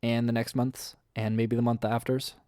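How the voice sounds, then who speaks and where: A man's voice: medium pitch, level tone, normal speed, a little mellow, clean tone, no echo, studio quality, lightly acted. A man voicing a nervous, broke young male assistant in a fretful, self-deprecating way. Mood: anxious. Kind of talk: reading game dialogue aloud.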